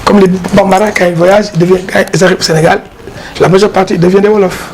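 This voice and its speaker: A man, an art dealer and collector, explaining his pieces in a casual interview, halting and repeating words as he goes. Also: sits high, steady tone. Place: exhibition hall with his collection. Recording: noisy background hiss.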